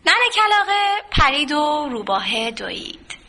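Woman storyteller, high voice, lively melody, bright, children's tale. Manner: gentle, expressive, sing-song.

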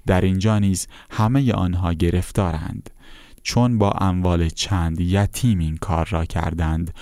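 A kindly older uncle speaking from beyond, calm and plainspoken, as a man reading the story puts him on. The voice sits very low and sounds dark and mellow. It is dry and close, with no room around it. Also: smooth, no echo.

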